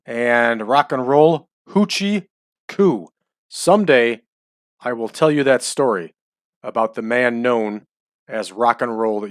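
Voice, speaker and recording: A man's voice: medium pitch, a bit bright, dry recording, studio quality. A man in his forties giving chatty, rambling commentary while playing a wrestling management game. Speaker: let's-play host.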